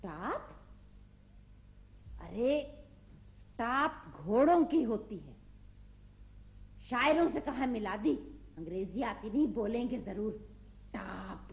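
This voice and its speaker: An actress playing a sarcastic, sharp-tongued middle-aged mother who scolds her family. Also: a little high, lively intonation, slow pace, creaky, long pauses, highs cut off, heavily acted. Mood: scolding. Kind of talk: TV drama acting.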